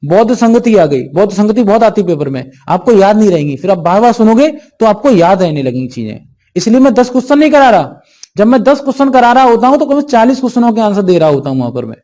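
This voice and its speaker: Guy teacher w a really high voice, lecturing, asks stuff then answers it himself. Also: sing-song, fast, mellow. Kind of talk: classroom lecture for exam prep.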